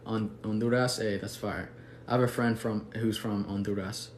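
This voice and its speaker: Reading viewer comments on his livestream, a young man from Mexico City, later living in the US, answers in a laid-back, slangy, affectionate way. His voice is fairly low and his delivery flat, at a moderate pace. The recording has room echo and faint background noise.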